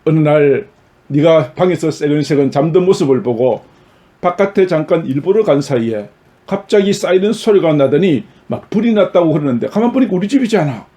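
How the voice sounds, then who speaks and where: A pastor playing a loving mother who was scarred by fire, telling her story in a gentle, pleading way. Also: a little high, animated, fairly quick, lightly acted. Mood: tender.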